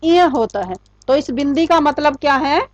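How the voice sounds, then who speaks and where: A woman with a high voice gives a patient grammar lesson. She poses questions to her students and answers them herself. The recording is dry, with no room echo. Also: lively intonation, normal speed, muffled recording. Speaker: Hindi grammar teacher. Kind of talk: classroom-style grammar lesson.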